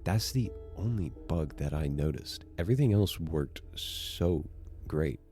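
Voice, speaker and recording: A man narrating a casual video essay, excitable and swearing freely as he gushes. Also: rumbling low, unhurried, faint music behind. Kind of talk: casual enthusiastic commentary.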